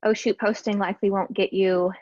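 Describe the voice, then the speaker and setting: A woman marketing strategist presenting a workshop in a casual, chatty way, often pausing with fillers and restarting sentences. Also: medium pitch, level tone, darkish tone, dry recording, lo-fi sound. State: briefly out of breath. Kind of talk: casual slide-based webinar teaching.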